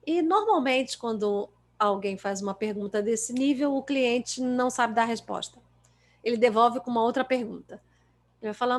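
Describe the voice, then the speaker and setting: A woman with a Brazilian Portuguese accent giving a lecture on coaching questions, lively and emphatic, acting out how clients reply. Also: on the high side. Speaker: coaching trainer.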